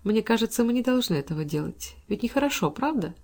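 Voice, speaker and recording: A woman's voice: a little high, animated, fast talker, darkish tone. A woman reading a plaintive young coquette.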